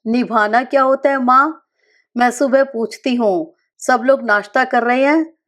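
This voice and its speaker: A woman reads a literary short story aloud at a slow, deliberate pace. Her voice sits a little higher than most, and she takes each line in a measured, unhurried way. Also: a bit bright.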